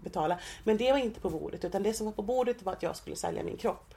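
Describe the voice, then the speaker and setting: A woman in her thirties, a guest in an interview, talking in a hesitant, halting way with many restarts. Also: medium pitch, vocal fry, warm tone, a little hiss or hum. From Sweden. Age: 30s. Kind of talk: personal interview.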